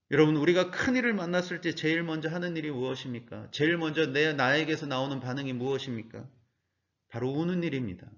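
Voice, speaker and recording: Earnest male preacher with a higher voice; muffled, low-fidelity church sermon recording. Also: fairly bright tone. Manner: earnest preaching with rhetorical questions. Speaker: pastor.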